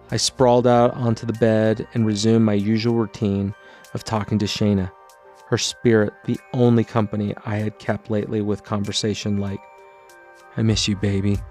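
A man narrating his own memoir as an audiobook in a steady, low-key storytelling delivery.

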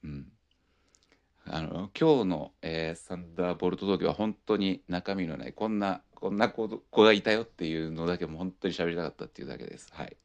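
Low-voiced man rambling casually. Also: brisk, creaky, muffled recording. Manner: rambling, laid-back storytelling with frequent fillers. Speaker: podcast host. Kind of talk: casual solo chat.

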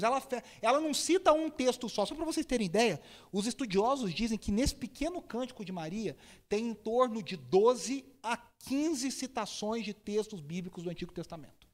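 Male preacher, high voice, lively sermon storyteller. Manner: lively storytelling, impersonates people with sudden high shouts.

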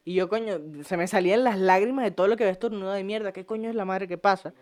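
A man's voice: sits high, steady tone, racing, a little mellow. Young venezuelan dude hosting a podcast, cussing and cracking jokes, laughing a lot as he tells stuff. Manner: profane, joking, laughs often. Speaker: podcast host. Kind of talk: casual podcast storytelling. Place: home podcast set.

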